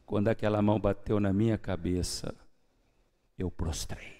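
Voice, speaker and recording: Sharing his testimony from the pulpit of a church, this pastor speaks with a Brazilian Portuguese accent at a fairly low pitch and moderate pace. His sermon alternates between soft, hushed moments and loud, energetic ones.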